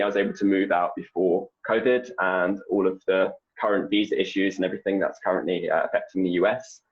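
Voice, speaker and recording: Appearing as a guest, a young postdoc researcher from England rambles easily through casual interview answers, full of fillers and restarts. He has a deep voice, heard through dull-sounding audio.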